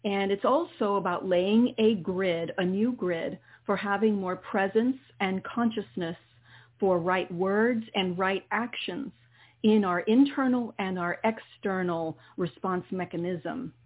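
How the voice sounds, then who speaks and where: A woman guiding a meditation session as a healer, speaking in soothing, deliberate phrases with pauses. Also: mid-range voice, slightly rough. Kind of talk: guided meditation, partly improvised spoken instruction. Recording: muffled, phone-like narrow sound.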